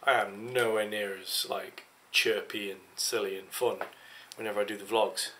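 A man's voice: fairly low pitch, fairly even intonation, moderate pace, sharp tone, a little hiss or hum. A tired young man from England rambling to a desk webcam in a small home office, full of hesitant fillers. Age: young adult. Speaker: vlogger. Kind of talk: casual vlog to camera.

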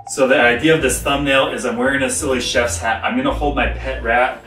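A man chatting casually on set, relaxed and joking while posing in a kitchen. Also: mid-range voice, fairly quick. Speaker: show host on set. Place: kitchen, indoors. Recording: echoey kitchen from far off. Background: music.

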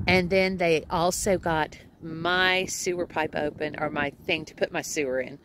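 This RV travel vlogger is a woman in her forties from Texas whose low voice keeps a steady tone and normal speed, fairly bright, with a little hiss or hum on the audio. She chats casually in a selfie vlog outdoors at an RV campground, phone camera at arm's length, rambling and laughing often.

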